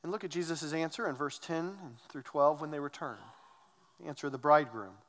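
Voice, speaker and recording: Emphatic preacher in a reverberant hall. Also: male voice, on the high side, brisk, fairly bright tone. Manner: earnest, emphatic preaching with rhetorical questions. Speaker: pastor. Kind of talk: sermon.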